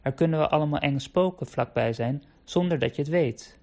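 A man's voice: a little high, a little fast, mellow, lightly acted. A man voicing a playful, teasing little short-legged dog in a storybook.

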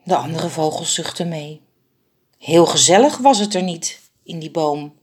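A woman reading aloud a children's story she wrote, expressive and lively. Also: sits low, a little slow, husky. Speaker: author and narrator.

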